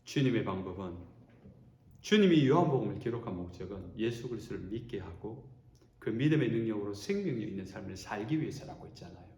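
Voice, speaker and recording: Animated male pastor preaching in an echoey church. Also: fairly low pitch, fast. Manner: animated preaching, acting out quotes. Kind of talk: sermon. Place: church sanctuary. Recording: roomy church echo.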